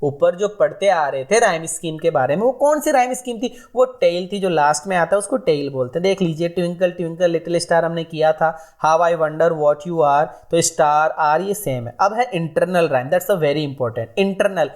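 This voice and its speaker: A woman teaching an exam-prep lesson. She asks her own questions and answers them, and reads the English examples slowly and deliberately. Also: sits low, a little mellow. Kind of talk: exam-prep lecture, explaining in Hindi.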